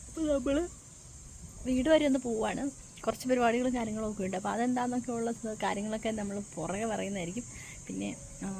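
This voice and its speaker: A woman's voice: a little high, vocal fry, a little mellow, slight background noise, poor audio. A mother chatting casually in a family vlog, explaining her day as she goes. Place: outdoors and in a car.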